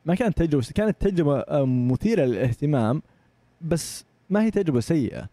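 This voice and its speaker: A young Saudi man with a Saudi Arabic accent telling travel stories in casual chat, animated and full of acted-out voices. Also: fairly high pitch, quick pace, no room sound. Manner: animated, acts out voices in anecdotes. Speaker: guest. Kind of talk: casual storytelling.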